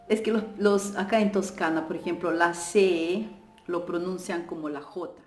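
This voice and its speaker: Low-voiced Peruvian woman vlogging. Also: fairly even intonation, slow, long pauses. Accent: Peruvian Spanish. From Peru. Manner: chatty, many fillers and restarts, laughs often. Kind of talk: casual advice vlog. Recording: echoey room with faint music.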